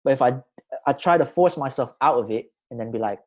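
A man's voice: medium pitch, a little fast, darkish tone. London roadman podcast host, slangy man. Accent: London roadman, urban slang. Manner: slangy, informal, repeats himself. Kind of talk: casual podcast chat.

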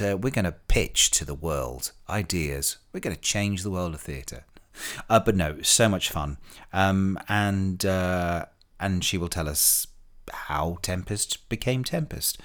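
A man hosting a podcast in a chatty monologue, theatrical and effusive, drawing out words. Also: sits low. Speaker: podcast host and stage performer.

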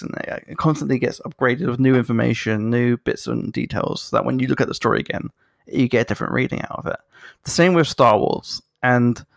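Gravelly man in casual chat. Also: medium pitch, dry recording, studio quality. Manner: animated, swears freely, laughs mid-sentence.

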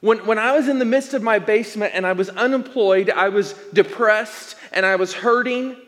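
A man in his thirties, a pastor, preaching a sermon as a personal story, moving between loud emphatic lines and soft, intimate ones. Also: sits high, normal speed. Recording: long hall reverb.

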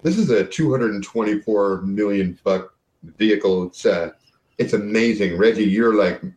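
A man's voice: lowish voice, moderate pace, darkish tone, echoey room, poor audio. A man narrating an improvised tabletop game as game master.

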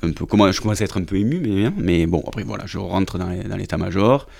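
A man, an army officer, telling a story in an interview with a gravelly voice and many hesitant restarts and fillers. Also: sits low, fast talker, darkish tone. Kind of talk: conversational storytelling.

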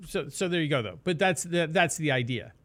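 A man's voice: on the high side, animated, a little fast, fairly bright tone. A middle-aged man hosting a casual financial talk show, explaining with rhetorical questions and asides. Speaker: radio show host.

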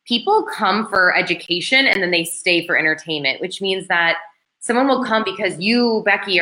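A woman marketing coach talking as a guest in a casual podcast chat, chatty and animated with lots of "like" fillers. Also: lowish voice.

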